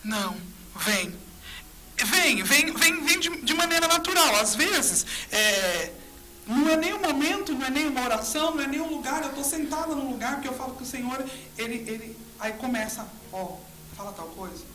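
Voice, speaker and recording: A woman pastor with a Brazilian Portuguese accent appears as a guest in an interview, sharing her faith testimony at normal speed in a high-pitched voice. Her storytelling is animated, and she acts out her dialogue with God.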